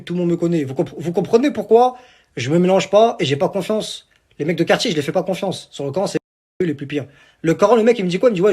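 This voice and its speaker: This young adult vlogger from Algeria brags in a casual phone video, swearing on the Quran repeatedly and saying the same things again. His voice is slightly high and a little mellow.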